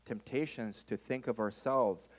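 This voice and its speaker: A man's voice: medium pitch, fairly even intonation, a little slow. A man preaching a sermon as a pastor, with an emphatic delivery that leans on dramatic repetition. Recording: reverberant hall.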